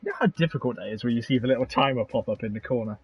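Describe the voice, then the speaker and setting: A man commentating on an online sim race, fast and animated, with chatty asides between calls. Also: medium pitch, breathy edge, no echo, lo-fi sound, soft background music.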